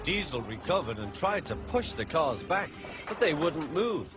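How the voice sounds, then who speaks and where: A man narrating a children's train story, reading slowly and with lively expression, over background music. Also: a little high. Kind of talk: storybook narration with character voices. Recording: clear music bed behind.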